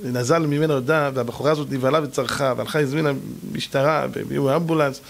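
A man preaching as a rabbi, telling stories in an animated way, acting out the quoted voices and calling out to his listeners. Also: medium pitch, creaky. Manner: addresses listeners directly as gentlemen. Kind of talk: storytelling sermon.

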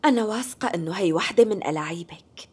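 A woman's voice: on the low side, lively intonation, quick pace, darkish tone, slightly rough. A woman with a Syrian Arabic accent dubbing a proud, distrustful sultan's sister, cool and suspicious. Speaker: dub actress. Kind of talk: dubbed TV period drama.

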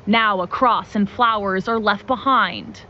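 A woman field reporter narrating a local TV news story in a measured, clear delivery. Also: medium pitch, sharp tone, lo-fi sound.

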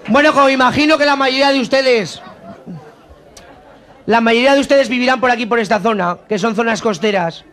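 Quick-talking Aragonese man telling jokes. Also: very high-pitched, fairly bright tone, some chatter behind. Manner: folksy rural character voice, full of diminutives. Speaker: stand-up comedian. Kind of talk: live joke-telling routine. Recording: 1991 cassette tape of a live show.

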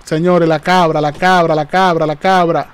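A man hosting a live reaction stream, excitable and hyped, repeating phrases and calling out to his viewers. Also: on the high side, normal speed, clean tone.

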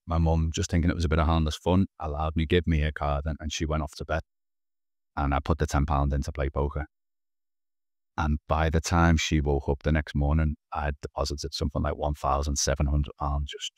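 With a rumbling low voice, a man in his thirties appears as a podcast guest via video call, earnestly recounting his personal story and often restarting words. He's in a small indoor room wearing headphones, and the sound is clean studio quality with no room sound.

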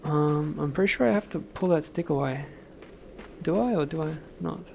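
A man commentating gameplay, swearing constantly and shouting at sudden deaths in a noisy home recording. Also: on the high side, moderate pace, creaky. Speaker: let's play gamer.

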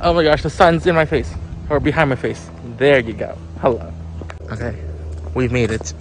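A young man talks into his phone camera as he walks and drives around town, chatty and quick to laugh. His voice sits a little high. Traffic and street noise run clearly behind him. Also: poor audio. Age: young adult. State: out of breath. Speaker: vlogger. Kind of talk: casual vlog chat. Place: outdoors in a city, walking and in a car.

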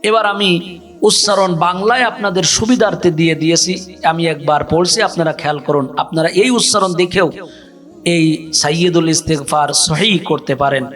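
A man teaching a prayer by spelling out Arabic syllables one by one and then reciting them slowly. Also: on the high side, fairly bright tone. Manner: drawn-out chanted recitation. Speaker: religious teacher. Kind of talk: slow letter-by-letter Arabic recitation lesson.

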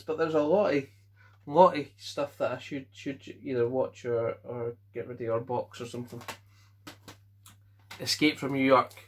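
A Scottish man casually going through his film collection at home, giving offhand quick verdicts and chuckling to himself. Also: mid-range voice, a bit bright, a little hiss or hum. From Scotland. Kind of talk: casual chat.

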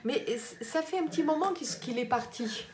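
Reassuring high-voiced woman medium. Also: animated, fairly quick. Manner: reassuring, with many fillers and "d'accord, hein" checks. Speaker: medium giving a reading. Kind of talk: casual spiritual consultation. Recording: echoey room with crowd noise.

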